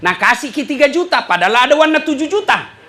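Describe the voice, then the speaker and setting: A man's voice: very high voice, quick pace, a little hiss or hum. A man preaching a humorous sermon to a live audience, acting out the voices of the people in his stories. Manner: animated, acts out voices of listeners and himself.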